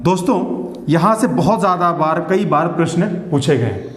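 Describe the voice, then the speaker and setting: A man's voice: on the high side, lively intonation. Echoey male teacher drilling vowel sounds. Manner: repeats sounds slowly and checks in with "ठीक है". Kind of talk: classroom lesson. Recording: echoey room with long reverb.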